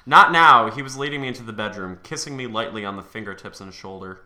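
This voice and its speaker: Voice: mid-range voice, fast, reverberant. A co-host of a comedy podcast reading fan fiction aloud with sassy asides and frequent laughter. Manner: sassy, laughs a lot, jokes about music. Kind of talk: comedic dramatic reading with banter.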